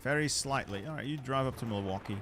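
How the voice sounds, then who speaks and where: A gaming channel host talks fast in a medium-pitched, slightly worn voice, giving live commentary on a strategy game. He's wry and playful, tossing in jokey asides.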